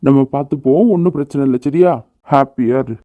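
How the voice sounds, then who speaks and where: A man's voice: mid-range voice, fast talker, no room sound, lightly acted. A man voicing a brash young husband who is blunt and teasing but protective of his wife, in a cartoon. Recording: dry, phone-like narrow sound.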